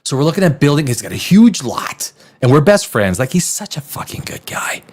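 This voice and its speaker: A Czech-born Canadian man in his fifties with a North American accent hosts a livestream, chatting off the cuff in an emphatic, profane way and often repeating phrases. His voice is fairly high with big pitch swings, brisk and a little mellow.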